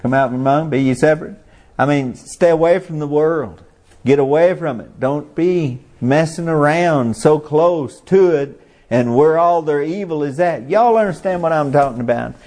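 A man's voice: on the high side, moderate pace, darkish tone. A man preaching a sermon in a folksy way, asking the congregation questions and chuckling.

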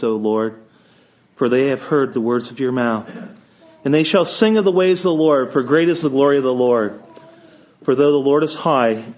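A man's voice: mid-range voice, darkish tone. Male preacher, Eastern Ohio Appalachian accent, slight head-cold sound, reverent sermon delivery, muffled lo-fi capture. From Eastern Ohio, United States. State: has a cold. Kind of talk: sermon with scripture reading and prayer. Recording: dull, band-limited sound.

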